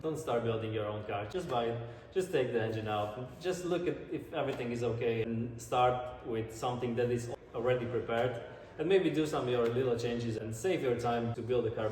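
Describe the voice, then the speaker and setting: A man from Slovakia with a Slovak accent, talking casually and earnestly to his vlog audience in slightly halting non-native English. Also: medium pitch, darkish tone. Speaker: drifter and car-building vlogger. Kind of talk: casual vlog talk to camera. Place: large indoor garage. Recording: echoey garage, distant mic, background noise.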